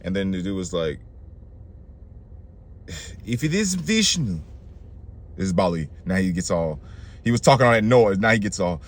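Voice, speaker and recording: A man's voice: low-pitched, fast talker, slight background noise. A man casually retelling a myth in slangy, rambling talk, often correcting himself. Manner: slangy, self-interrupting, lively. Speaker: astrology channel host.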